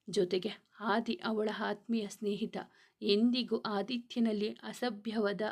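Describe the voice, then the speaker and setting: Woman, storyteller, serialized romance narration, steady, emotive read-aloud. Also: medium pitch.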